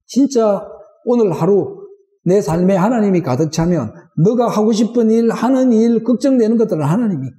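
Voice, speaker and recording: A man's voice: high-pitched, mellow. A middle-aged male pastor preaching a sermon, driving his points home with rhetorical questions. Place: church sanctuary. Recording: echoey church hall with long reverb.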